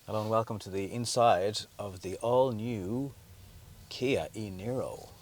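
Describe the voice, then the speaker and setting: A man giving a relaxed, rambling car review with lots of fillers and restarts, first outdoors and then from inside a moving car. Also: on the low side, unhurried. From Ireland. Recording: noisy background.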